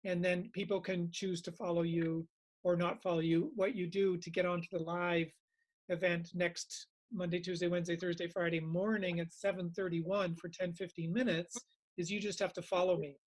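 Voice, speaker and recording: A man's voice: high voice, level tone, normal speed. A man teaching meditation informally, reflective and repeating phrases for emphasis.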